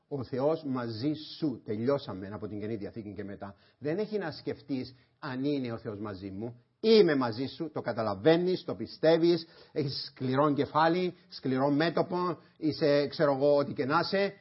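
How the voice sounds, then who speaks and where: A man preaching a sermon as pastor in a church, moving between quiet explanation and passionate shouting. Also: medium pitch, husky. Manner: impassioned, swings from quiet talk to shouting. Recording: dull lo-fi sermon recording.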